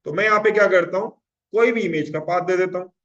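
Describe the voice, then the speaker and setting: Guy with a high voice teaching coding, keeps asking if it's clear, muffled lo-fi audio. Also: fast talker, a bit bright. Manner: conversational, repeats "clear?" to check understanding. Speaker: web development instructor. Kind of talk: casual coding tutorial.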